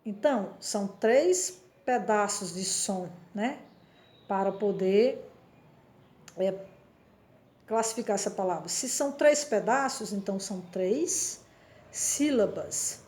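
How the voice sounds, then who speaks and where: A woman's voice: mid-range voice, expressive, slow pace, darkish tone. A Brazilian woman teacher giving a patient lesson, often checking in with her listeners and sounding words out syllable by syllable. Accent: Brazilian Portuguese. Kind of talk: slow classroom explanation.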